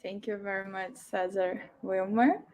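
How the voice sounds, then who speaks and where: A woman hosts a virtual information session, speaking at an unhurried, deliberate pace. Her delivery is welcoming and has many small fillers. She is heard through a video call. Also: mid-range voice, fairly even intonation, a little mellow, dull audio. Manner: slow, welcoming, with frequent fillers. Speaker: host of an online information session. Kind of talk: hosting a virtual info session.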